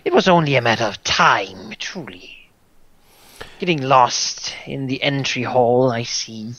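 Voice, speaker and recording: A man voicing a menacing undead wraith who makes slow, grandly ominous pronouncements as a tyrant in a tabletop game. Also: mid-range voice, a bit bright, no room sound, highs cut off. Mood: cold, taunting.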